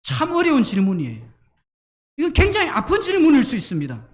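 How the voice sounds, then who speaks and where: A man preaches in a notably high voice. He speaks animatedly and with emphasis, now and then pushing up to a shout. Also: huge pitch swings, quick pace. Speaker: pastor. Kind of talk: sermon.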